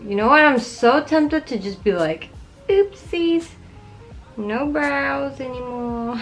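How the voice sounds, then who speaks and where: Young female vlogger, fairly high, animated voice, jokey and rambling, faint music behind. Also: vocal fry. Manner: joking, rambling, yelps in pain. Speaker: beauty vlogger. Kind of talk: casual chatty tutorial. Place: at home in front of a mirror.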